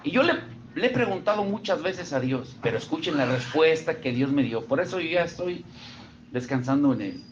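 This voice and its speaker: Un hombre con acento mexicano da un sermón con voz un poco alta y cercana, como si conversara con los fieles. El audio es opaco, de poca calidad, con un ligero ruido. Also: male voice, on the high side, expressive, moderate pace, lo-fi sound, a little hiss or hum. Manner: conversational preaching, asks the congregation questions. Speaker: pastor. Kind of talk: sermon. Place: church service.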